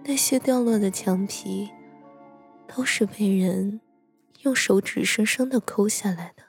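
A woman playing a gentle, teasing young hotel attendant who tells a slow, hushed ghost story to a horror writer in an audio drama, with soft music behind her. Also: medium pitch, natural voice. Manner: gentle, teasing, slows and hushes for eerie moments.

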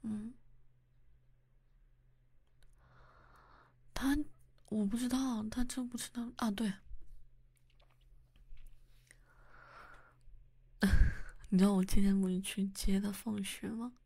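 A woman playing a soft-whispering young wife with a creaky edge. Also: mid-range voice, level tone, moderate pace, no echo. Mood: gentle. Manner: intimate, teasing, chatty. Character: young wife, playful, easily flustered. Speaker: wife and mother talking to her husband. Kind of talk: whispered role-play.

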